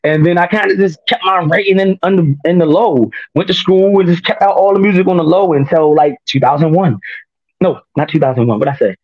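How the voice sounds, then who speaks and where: Speaking fairly quickly in a high-pitched voice over dull audio, a male rapper recounts his story as a guest in a casual interview. He keeps things lively, poking fun at himself and laughing a lot.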